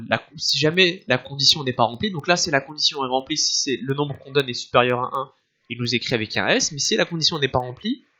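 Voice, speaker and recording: Man explaining a software tutorial. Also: mid-range voice, dull audio. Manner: explains step by step with many restarts and fillers. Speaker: tutorial teacher. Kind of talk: screen-recorded software tutorial. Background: soft background music.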